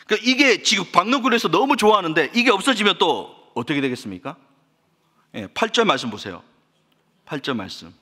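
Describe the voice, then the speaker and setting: A man's voice: high voice, sing-song, brisk, pushed and bright, husky. A man, a pastor, delivering an impassioned sermon that rises and falls, recorded in a church sanctuary. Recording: long church reverb.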